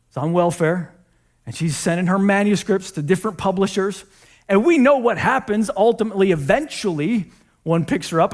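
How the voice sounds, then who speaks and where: A male pastor giving a sermon in a casual, conversational way, retelling stories and asking the audience questions. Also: high-pitched.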